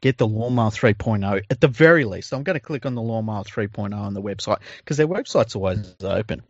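A man's voice: on the low side, expressive, fast, no echo, dull audio. An Australian man co-hosting a podcast in casual chat and informal ad reads, with a jokey, informal manner. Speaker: podcast co-host.

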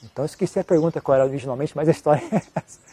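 A man, a monk answering an interview question in a casual, halting way with many restarts. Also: a little high, mellow, breathy edge, no room sound. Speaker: Buddhist monk giving advice.

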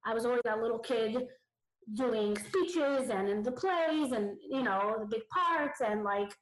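A woman's voice: fairly high pitch, a little slow, slight background noise. Woman comedian with underwater-sounding audio. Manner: chatty, loose, full of "like" and "you know what I'm saying". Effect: muffled, warbly underwater-sounding audio. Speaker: comedian and entertainer, podcast guest. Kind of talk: casual interview chat. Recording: garbled, echoey remote audio.

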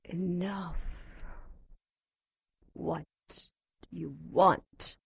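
Lilith, a woman playing a breathy, mocking demon. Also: lowish voice, fairly even intonation, dry recording, clean studio sound, heavily acted. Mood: scornful. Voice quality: breathy, often whispering. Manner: slow, teasing, mocking delivery. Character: seductive taunting female demon, captive and mocking. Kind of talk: audio drama acting.

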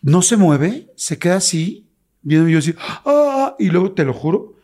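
A man telling a story in casual chat, animated and acting out screams. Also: on the high side, normal speed. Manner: animated, acts out screams and gasps. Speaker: guest.

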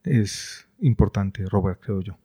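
Measured, thoughtful man. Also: fairly low pitch, mellow, breathy edge. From Colombia. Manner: thoughtful, measured, with frequent hesitations. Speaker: interview guest. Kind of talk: reflective conversation.

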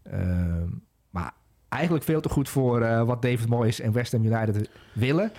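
Halting man talking football. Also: medium pitch, animated, background noise. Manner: hesitant, many fillers and restarts. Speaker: football analyst. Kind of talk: casual podcast chat.

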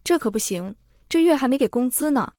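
A practical manservant worried about his pay, as a woman storyteller puts him on asks blunt, puzzled questions. The voice stays fairly high and the recording is dry. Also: lively intonation, fairly quick, warm tone, no room sound. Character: practical puzzled male household servant.

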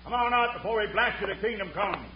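A man's voice: sits high, quick pace, highs cut off, lightly acted. A man playing a menacing, blustering outlaw gang boss who barks threats in a 1950s radio Western. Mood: threatening. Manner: barking threats and orders. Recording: roomy, very noisy old radio recording.

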